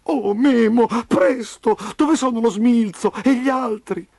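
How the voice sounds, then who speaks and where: A man's voice: slow pace, gravelly, darkish tone, dry recording, studio quality, exaggerated voice. A man doing a crying hurt boy. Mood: pleading. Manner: high, pleading and urgent. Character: hurt crying young boy, tough gang leader.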